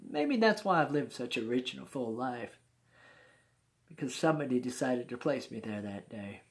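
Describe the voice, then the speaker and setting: A man's voice: mid-range voice, sing-song, normal speed. An older man in his sixties telling a personal story in a folksy, chuckling way. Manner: folksy, chuckling, warm-hearted asides.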